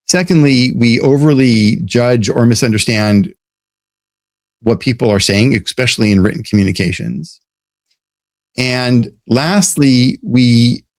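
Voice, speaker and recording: A man from the United States, appearing as an interview guest, explains his ideas thoughtfully in casual conversation, often restarting sentences. His voice is mid-range and the recording is dry.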